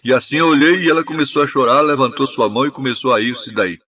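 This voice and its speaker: A man giving a measured, even reading of a translated sermon. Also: mid-range voice. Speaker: sermon interpreter.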